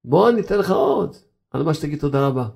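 A man's voice: a little high, sing-song, gravelly, a little mellow, heavily acted. A man voicing God as a fed-up heavenly father. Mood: coaxing. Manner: pleading, rhetorical, half-laughing.

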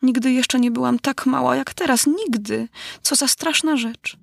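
Casting: a woman as a fretful little storybook girl, husky voice, sighing and wondering aloud. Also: high voice, measured pace, no echo, clean studio sound, voice pushed up, heavily acted. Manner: wondering aloud, dramatic sighs. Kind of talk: storybook reading.

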